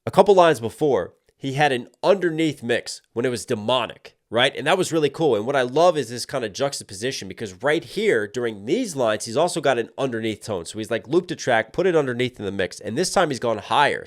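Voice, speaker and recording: Slangy, excitable man breaking down rap. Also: mid-range voice, a little fast, hardly any pauses. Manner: hype, slangy exclamations and beatboxed rhythm syllables. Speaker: music reaction host.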